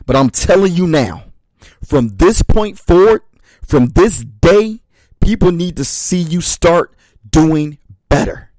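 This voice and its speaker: A man's voice: fairly high pitch, expressive, slow pace, darkish tone. A man delivers a motivational speech in a slightly raised voice, taking his time over each phrase. He leans hard on short repeated refrains and calls his listeners brothers and sisters. The recording is dry, with no room echo. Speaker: motivational speaker.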